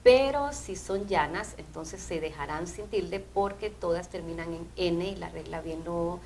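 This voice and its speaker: A woman language teacher, explaining grammar rules in a measured way on a TV program. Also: fairly low pitch, a little mellow, a little hiss or hum, rough recording. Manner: measured, explanatory, often asks "¿verdad?". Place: TV studio.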